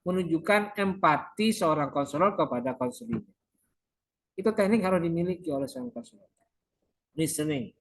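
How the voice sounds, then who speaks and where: A man's voice: high-pitched, a bit bright. A male university lecturer walks his class through counseling techniques. He gives each term in English, then restates it in translation. He often asks rhetorical questions and answers them himself. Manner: explanatory, repeats terms in English then Indonesian.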